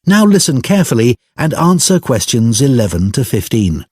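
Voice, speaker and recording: A man announces exam instructions from a script. His voice has a husky grain and moves noticeably up and down in pitch. The sound is close and dry. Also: big pitch swings, normal speed, a little mellow, no room sound.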